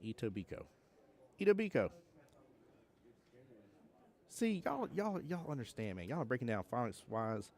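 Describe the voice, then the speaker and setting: Commentating a pool tournament on a live stream, this young Southern-accented man from Georgia, USA, has a mid-range, sing-song voice. He talks a little fast with few pauses, trading jokes with viewers in a relaxed manner.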